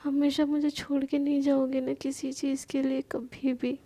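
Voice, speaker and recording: An anxious, clingy young woman, possessive and pleading, as a woman storyteller puts her on. The voice sits high with a gravelly edge and a mellow, dark color. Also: monotone, moderate pace.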